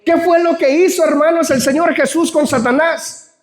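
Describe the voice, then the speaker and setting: A man's voice: very high voice, fairly even intonation, normal speed. A man preaching a sermon fervently, often calling out to the congregation as brothers.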